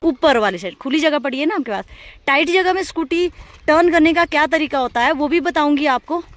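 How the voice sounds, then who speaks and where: A woman teaching scooter riding outdoors on a hilly road, giving patient step-by-step instructions and coaxing the rider on with steady praise. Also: high-pitched, brisk, no room sound. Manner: encouraging, coaxing, repeats cues like "shabash". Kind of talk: hands-on instruction.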